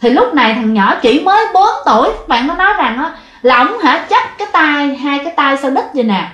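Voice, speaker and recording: A woman's voice: high-pitched, expressive, a little fast, fairly bright tone. A woman telling a ghost story, chatty and addressing her listeners directly. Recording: roomy echo.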